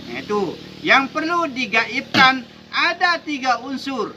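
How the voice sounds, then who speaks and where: A man's voice: very high-pitched, expressive, unhurried, pushed and bright, slight background noise. A man from Indonesia teaching Sufi mysticism in a rhythmic, emphatic way, often ending points with "begitu". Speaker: religious teacher.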